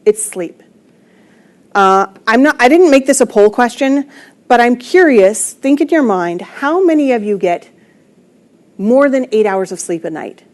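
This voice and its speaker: A woman's voice: on the high side, animated, a little slow. Woman wellness coach doing an online talk, earnest and emphatic, computer mic. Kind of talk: online presentation.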